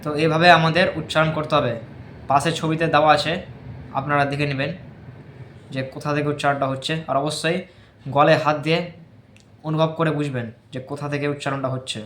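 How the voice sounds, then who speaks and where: A man giving an informal lesson, explaining patiently and loudly repeating the letter sounds for practice. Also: on the high side, roomy sound. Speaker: teacher of Quran letter pronunciation.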